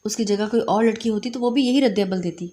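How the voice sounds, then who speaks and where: A woman's voice: on the high side, mellow, lightly acted. A woman voicing a caring middle-aged mother who is soothing but stern.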